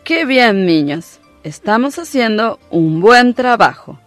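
A radio teacher leads a slow, patient phonics lesson for children, spelling out letters and syllables and repeating them. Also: medium pitch, sing-song, faint music behind.

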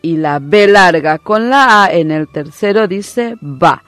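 A radio teacher leads a slow, patient phonics lesson for children, spelling out letters and syllables and repeating them. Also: mid-range voice, lively intonation, fairly bright tone, no echo.

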